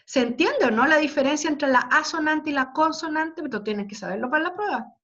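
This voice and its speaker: A woman teacher with a high voice leads an online class over dull, lo-fi video call audio. She explains patiently, point by point, and keeps checking with quick tag questions that everyone is following. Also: lively intonation, pushed and bright. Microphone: computer mic on a video call.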